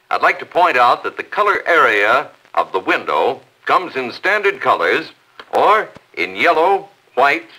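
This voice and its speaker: A man's voice: medium pitch, sharp tone, rough recording. A man narrating a 1950s corporate newsreel in a polished, promotional announcer manner.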